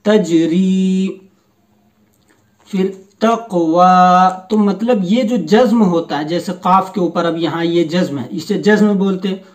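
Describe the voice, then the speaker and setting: A man teaching Quran reading, slowly reading each word aloud and patiently explaining the rules. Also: high voice, darkish tone, recorded from a distance. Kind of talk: slow step-by-step recitation lesson.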